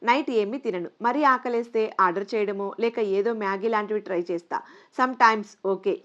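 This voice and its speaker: A woman voicing a kind, independent young woman who talks gently and reassuringly, on a dull lo-fi recording. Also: mid-range voice, a little fast, natural voice. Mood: caring.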